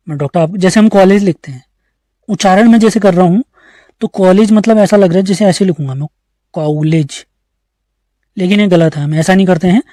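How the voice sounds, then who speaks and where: A man's voice: high-pitched, mellow, no echo, clean studio sound. A male teacher giving an online exam-prep grammar lesson, explaining step by step and asking the class questions that he answers himself. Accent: Uttarakhand Hindi.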